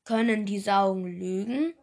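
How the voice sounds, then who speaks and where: A woman's voice: medium pitch, measured pace, creaky, darkish tone. A woman voicing a cheeky ten-year-old boy who plays innocent, in a read-aloud storybook. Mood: feigned innocence. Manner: playing innocent.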